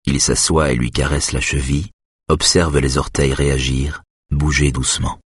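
A man doing measured, scripted audiobook narration of a thriller. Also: very deep voice, steady tone, slightly rough, dry recording, clean studio sound.

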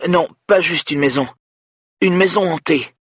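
A man's voice: fairly high pitch, measured pace, fairly bright tone, husky, dry recording, clean studio sound, voice pushed up. A man voicing a terrified trapped boy. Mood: frightened. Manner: frightened, pleading, small voice. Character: terrified young boy trapped in a car trunk. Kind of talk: audiobook character voice.

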